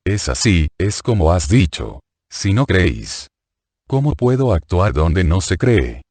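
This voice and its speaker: A calm male teacher consoles someone in soft, measured words, as a narrator voices him. His voice is very low and even. The recording is dry and close. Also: no echo, exaggerated voice. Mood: consoling.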